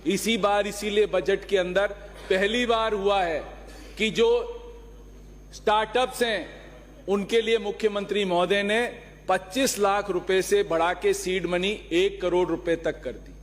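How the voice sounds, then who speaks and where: A man's voice: high voice, fairly even intonation, measured pace. A male legislator giving an argumentative floor speech in an assembly hall, posing rhetorical questions and mixing in English phrases. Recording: long reverb of a large hall.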